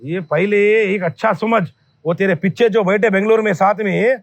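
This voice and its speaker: High-voiced man issuing a blunt warning. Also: moderate pace, no room sound, muffled recording. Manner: scolding, blunt, repeats threats. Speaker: local activist addressing a company owner. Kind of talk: angry public warning statement.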